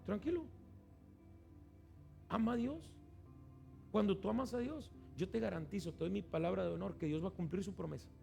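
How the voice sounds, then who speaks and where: A pastor preaching a sermon, acting out quoted voices with animated delivery. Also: male voice, high-pitched, brisk, gravelly, faint music behind.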